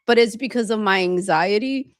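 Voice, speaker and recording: A woman in her thirties co-hosting a podcast, talking casually in long, quick run-on stretches with few pauses. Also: medium pitch, no echo, studio quality. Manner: fast, run-on venting talk with few pauses. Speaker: podcast co-host. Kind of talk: casual conversation.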